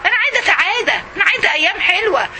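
A middle-aged woman with an Egyptian accent giving an informal religious lesson, lively and conversational, speaking straight to her listeners. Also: very high-pitched, racing, slight background noise. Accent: Egyptian Arabic. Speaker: religious teacher.

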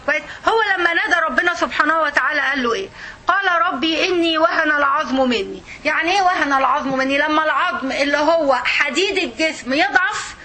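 Quick, bright Egyptian woman teaching. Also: high-pitched, slight background noise. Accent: Egyptian Arabic. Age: older. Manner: conversational and emphatic, checks in with listeners. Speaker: religious teacher. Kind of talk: religious lesson.

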